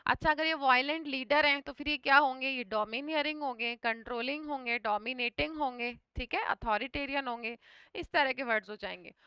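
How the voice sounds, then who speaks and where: A woman's voice: sits high, fairly quick, clear, resonant tone, no echo, muffled recording. A woman teaching English vocabulary for an exam in Hindi, mixing in English words and often checking in with her students. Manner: often repeats "thik hai" to check understanding.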